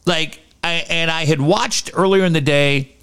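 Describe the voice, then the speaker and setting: A man's voice: a little high, a little slow, fairly bright tone, smooth. A man co-hosting a casual sports talk show, sounding stuffed up from nose packing, rambling and slangy with some swearing.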